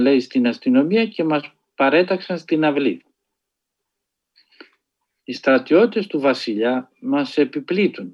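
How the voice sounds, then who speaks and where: A man telling a spiritual story in a sermon style, earnest and measured, with dramatic pauses. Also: on the high side, highs cut off. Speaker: preacher.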